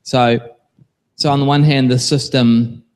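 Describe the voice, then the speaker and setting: New Zealand-accented man, mid-pitched, earnest guest, stumbles over repeated words. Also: steady tone, measured pace, darkish tone. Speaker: guest business owner. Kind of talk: explaining a product.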